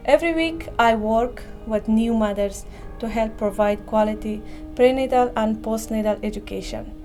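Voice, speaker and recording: Earnest woman from Afghanistan, mellow. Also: mid-range voice. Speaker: childbirth educator and community liaison. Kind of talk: read personal testimony.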